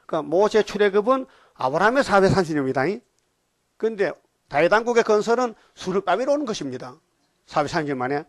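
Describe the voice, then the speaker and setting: Older male pastor with a Gyeongsang accent, slightly high voice, blunt and animated in a dry room. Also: no room sound. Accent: Gyeongsang Korean. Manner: blunt, animated preaching with rhetorical questions to the congregation. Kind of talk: sermon.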